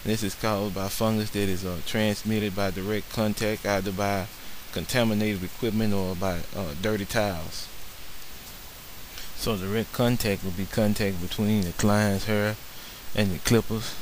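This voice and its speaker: A man's voice: lowish voice, steady tone, a little slow, a little hiss or hum, poor audio. A man narrating a slideshow lesson on barbershop sanitation in an earnest way, with many filler words. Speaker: barber instructor.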